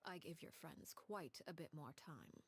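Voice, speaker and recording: A woman voicing a cold, commanding female leader in a game, speaking in a hushed, breathy whisper with calm menace. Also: sits low, unhurried. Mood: menacing calm.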